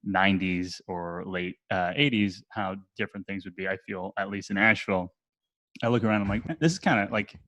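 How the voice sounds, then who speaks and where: A man's voice: sits low, fairly quick, a bit bright, no room sound. A man from New Jersey hosting a podcast interview, who thinks aloud and restarts a lot before he asks his questions. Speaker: podcast host. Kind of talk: casual interview conversation.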